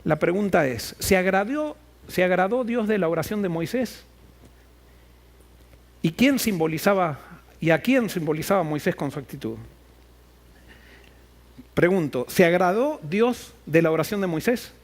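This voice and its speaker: A man's voice: high voice, expressive, measured pace, creaky, long pauses. A man preaching a sermon as pastor, firing off rhetorical questions and acting out the voices he quotes. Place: church.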